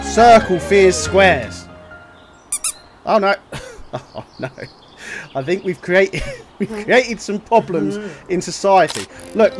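A man commentating his own playthrough of a game in an animated, joking, self-mocking way, full of exclamations. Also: high voice. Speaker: gaming video host. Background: game music.

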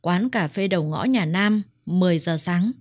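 A woman's voice: on the low side, moderate pace, a little mellow, no room sound, clean studio sound, lightly acted. A woman voicing a stern, protective older mother-in-law who speaks firmly and bluntly. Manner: firm, blunt scolding.

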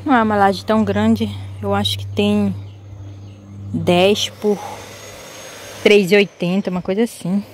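A woman's voice: medium pitch, a little slow, long pauses. Woman, Paraense accent, casual home vlog, chatty, exclaims a lot, handheld phone, faint background hum. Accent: Paraense Brazilian Portuguese. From Belém, Pará, Brazil. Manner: chatty, lively, exclaims and laughs easily. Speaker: vlogger. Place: home yard and rooftop, partly outdoors.

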